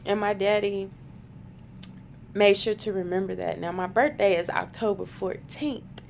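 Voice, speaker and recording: A woman's voice: medium pitch, measured pace, gravelly, darkish tone, slight background noise. A woman in her thirties telling a personal faith story to camera, earnest and close to tears. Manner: earnest, emotional, spiritual storytelling. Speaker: vlogger.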